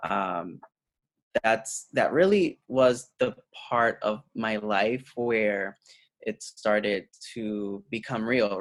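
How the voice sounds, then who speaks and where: A middle-aged man from Puerto Rico, an educator guest talking casually in an interview, pausing often with fillers and restarts. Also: on the low side, dry recording. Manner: hesitant, many fillers and restarts.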